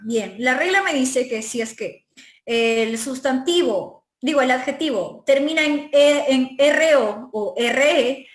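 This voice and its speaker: A woman with a Peruvian Spanish accent teaching an exam review lesson. She explains step by step, drawing out the example words and checking in often with quick tag questions. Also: high-pitched. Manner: stretches out and stresses example words. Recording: echoey room.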